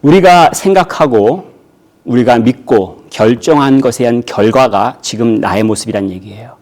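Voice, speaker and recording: Male pastor giving a sermon in church, middle pitch, keeps asking the congregation questions, gets loud and high acting out quotes. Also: normal speed. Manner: rhetorical questions, voice jumping up when acting out quotes.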